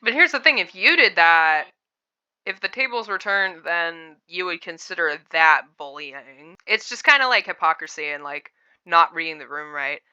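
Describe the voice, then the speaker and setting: A woman's voice: lowish voice, lively intonation, moderate pace, bright, forceful tone, smooth, no room sound. A woman giving casual, rambling reaction commentary, opinionated and full of digressions. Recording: dull lo-fi sound, dry.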